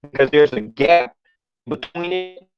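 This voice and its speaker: A man on a video call whose connection keeps breaking up, talking casually in a halting, hesitant way with frequent restarts. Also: a little high, expressive, clear, resonant tone, faint music behind. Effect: choppy, breaking-up video call connection. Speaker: person asking for building advice. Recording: dull lo-fi internet call audio.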